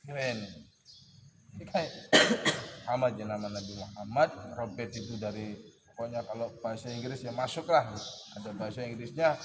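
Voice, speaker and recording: A man teaching a casual weekly religious study session, joking and teasing his listeners and clearing his throat often. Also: medium pitch, moderate pace, pauses often, noisy background. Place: boarding school study hall. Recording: echoey hall with clear birdsong and ambience.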